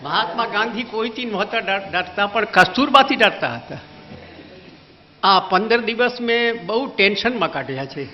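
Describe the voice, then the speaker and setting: A man's voice: sits high, expressive, moderate pace, dull audio, noisy background. An older man giving a talk, telling jokey anecdotes with a chuckling storyteller's manner. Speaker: guest speaker.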